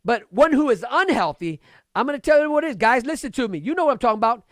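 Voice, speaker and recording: A man's voice: very high-pitched, expressive, quick pace, no echo, clean studio sound. A man hosting a podcast, giving an emphatic, preachy motivational talk straight to his listeners. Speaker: podcast host.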